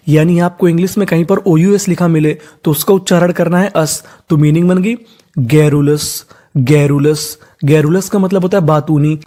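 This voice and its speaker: A teacher giving a spelling lesson who spells each word letter by letter, blends it slowly, and asks and answers their own questions. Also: mid-range voice, dark tone. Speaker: English teacher. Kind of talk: spelling lesson, sounding out words.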